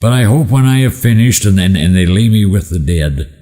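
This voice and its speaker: A man with a folksy cowboy drawl recites rhyming cowboy poetry, haltingly repeating words and letting line endings fall away slowly. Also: on the low side, lively intonation, dark tone. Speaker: cowboy poet. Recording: echoey hall with long reverb.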